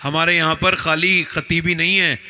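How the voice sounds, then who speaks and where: A man's voice: on the high side, flat delivery, normal speed, pushed and bright. A male Islamic preacher delivering a storytelling sermon. He speaks with animation and keeps putting rhetorical questions to his listeners.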